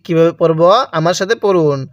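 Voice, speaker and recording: A man with a Bangladeshi Bengali accent teaches Arabic letter reading in a slow recitation lesson, drilling syllables one by one and repeating each for the learner. His voice is on the high side, fairly even, fairly quick and a little mellow. The recording is dry and lo-fi.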